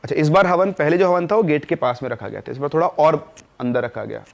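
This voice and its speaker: A man's voice: on the high side, fast talker, vocal fry. A man, a podcast guest telling a horror story and briefly acting out the family members' lines.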